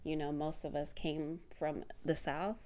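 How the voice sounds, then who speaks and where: A woman's voice: low-pitched, flat delivery, a little slow, warm tone. A woman from Zimbabwe with an American accent that keeps traces of British colonial Zimbabwean, talking casually and thoughtfully, explaining with examples. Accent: American, with faded British colonial Zimbabwean. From Zimbabwe, later the United States. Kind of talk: casual reflective conversation.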